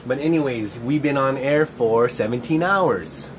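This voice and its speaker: A middle-aged man hosts a show from a shed, chatting in a casual, rambling way. His voice is medium-pitched and a little slow, with faint air-conditioner noise in the background.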